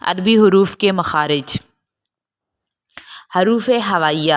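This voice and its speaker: A woman giving a Quran pronunciation lesson, explaining patiently and repeating sounds slowly to demonstrate them. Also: on the low side. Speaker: Quran tajweed teacher.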